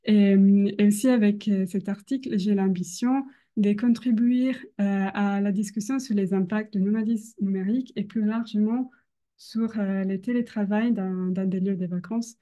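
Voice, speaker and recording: A young woman with a foreign accent, a non-native speaker, gives an academic presentation hesitantly, often pausing to search for words. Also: medium pitch, steady tone, dark tone. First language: not French. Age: young adult. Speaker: doctoral researcher presenting.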